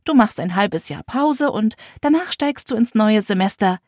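A woman's voice: medium pitch, animated, moderate pace, a little mellow, no room sound, studio quality, natural voice. A woman voicing a flighty middle-aged mother with a drinking problem, who talks in a plaintive, pleading way. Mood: dismissive.

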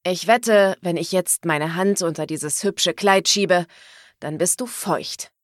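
A woman's voice: lowish voice, takes it slowly, no echo, studio quality. A woman voicing a cocky, teasing gangster man who talks in a smug, taunting way.

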